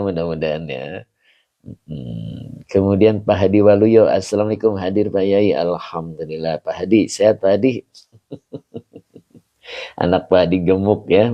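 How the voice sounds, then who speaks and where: A man, an Islamic teacher greeting online viewers by name in a chatty way, often chuckling and clearing his throat. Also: low voice, mellow, highs cut off. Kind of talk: greeting viewers of an online religious study session.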